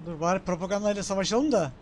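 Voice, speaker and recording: Excitable high-voiced young man gaming. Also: rapid-fire, slight background noise. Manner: excitable, thinks aloud, swears casually. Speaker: gaming channel host. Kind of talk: casual let's-play commentary.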